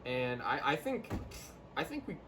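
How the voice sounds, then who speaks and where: A man co-hosting a casual chat, laid-back and quick to laugh. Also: medium pitch, very animated, fairly bright tone, slight background noise. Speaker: co-host.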